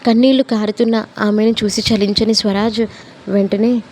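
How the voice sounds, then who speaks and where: A woman narrating a romance story aloud in a steady, even manner. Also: mid-range voice, normal speed, slight background noise, poor audio.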